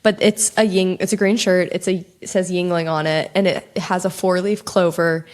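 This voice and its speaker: A young adult woman co-hosting a casual chat podcast, talking in a calm, relaxed, slightly monotone way with a little vocal fry. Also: lowish voice, normal speed. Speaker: podcast co-host.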